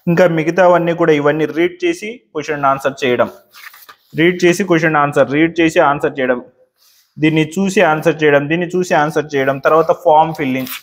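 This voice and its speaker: A man's voice: fairly high pitch, fairly even intonation. Male teacher, drills words. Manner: repeats words slowly to show stress. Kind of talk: exam tips lesson.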